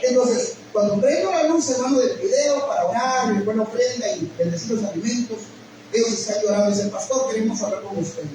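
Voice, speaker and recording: A man's voice: high voice, fairly quick. Middle-aged man, pastor, emotional sermon storytelling; roomy distant pickup with noise. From Guatemala. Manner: emotional storytelling, addresses listeners as brother. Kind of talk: sermon testimony. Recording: echoey hall, mic at a distance, noisy.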